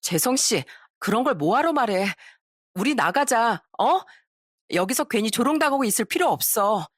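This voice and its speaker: A woman's voice: a little high, big pitch swings, moderate pace, no room sound, clean studio sound, voice pushed up. A woman reading a flustered guilty bride. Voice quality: pleading, flustered.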